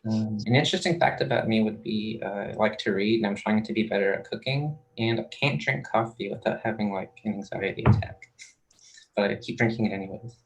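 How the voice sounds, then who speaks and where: Low gravelly man, dull lo-fi audio. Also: fairly quick. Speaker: engineering student. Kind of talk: casual self-introduction.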